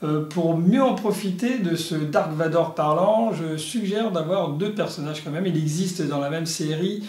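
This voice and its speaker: A man presents a product in a casual, halting, explanatory way, as in a hands-on toy review. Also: a little high, a little mellow. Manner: halting, explanatory, punctuated with little sound effects. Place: indoor room. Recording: echoey room, faint music behind.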